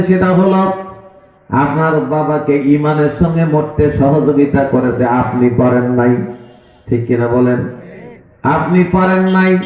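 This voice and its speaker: A man from Bangladesh preaching an Islamic sermon to a crowd, addressing them directly and breaking into chanted recitation. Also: mid-range voice. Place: outdoor religious gathering. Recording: echoey loudspeaker sound, dull lo-fi.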